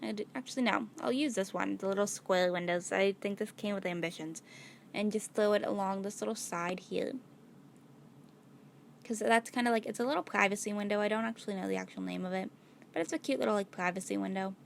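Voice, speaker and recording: A woman's voice: medium pitch, brisk, vocal fry, slight background noise. Chatty woman losing her voice. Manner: thinks aloud, chatty, many "like"s and "gonna go ahead". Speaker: host narrating a build video. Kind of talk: casual gameplay voice-over.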